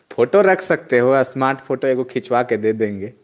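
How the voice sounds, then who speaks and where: A man teaching an online chemistry class. He drills students loudly in call-and-response and chides them as he goes. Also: medium pitch, expressive, normal speed.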